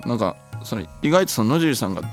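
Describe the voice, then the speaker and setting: A man's voice: medium pitch, big pitch swings, fast, faint music behind. A man with a Kansai Japanese accent, co-hosting a podcast with casual, teasing banter. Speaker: podcast co-host.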